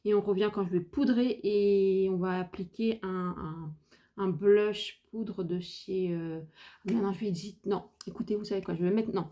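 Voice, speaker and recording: A woman's voice: medium pitch, fairly even intonation, normal speed, dark tone. A woman from France chatting casually through a makeup tutorial, hesitant and thinking aloud with lots of fillers. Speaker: beauty vlogger.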